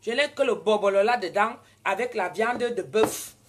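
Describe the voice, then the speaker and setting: A woman with a Cameroonian French accent telling a story in casual talk, animated and prone to loud indignant outbursts. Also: mid-range voice, moderate pace, noisy background. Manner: animated, switches into loud indignant retorts when quoting herself. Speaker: vlogger.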